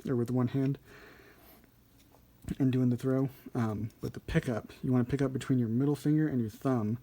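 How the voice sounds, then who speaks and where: A man with a mellow, relaxed voice of medium pitch walks through a hands-on demonstration. He speaks informally as an instructor, hesitating now and then as he thinks aloud. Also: moderate pace. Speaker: card trick instructor. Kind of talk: casual hands-on tutorial.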